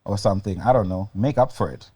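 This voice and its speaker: A man's voice: lowish voice, fast, a crowd in the background. A man from Zambia with a Zambian English accent, co-hosting a podcast, joking and pushing back in arguments. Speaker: podcast co-host. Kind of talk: casual chat.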